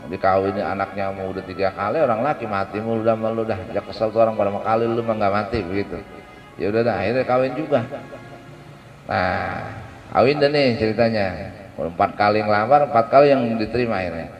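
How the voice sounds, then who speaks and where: A man preaching in a mosque, telling a story in lively casual speech and switching between recited text and slang. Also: on the low side. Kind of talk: sermon storytelling. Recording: echoey mosque room.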